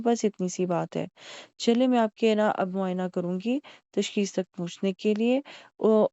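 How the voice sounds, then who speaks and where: A woman's voice: mid-range voice, mellow, no room sound, highs cut off. A woman playing a doctor in a mock consultation, asking methodical questions and narrating each examination step aloud. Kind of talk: mock clinical consultation, history taking.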